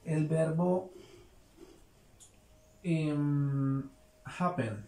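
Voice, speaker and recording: A man's voice: fairly high pitch, extremely slow, warm tone. A man teaching an English grammar lesson, explaining patiently and often checking that his students are following. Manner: patient, repeats "¿listo?" to check understanding. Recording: echoey room with faint noise.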